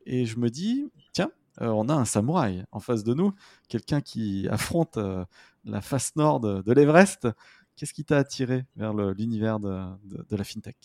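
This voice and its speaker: A man from France hosting a business podcast, joking and energetic as he interviews a founder. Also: mid-range voice, moderate pace, no echo. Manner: jokey, energetic, self-mocking. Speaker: podcast host.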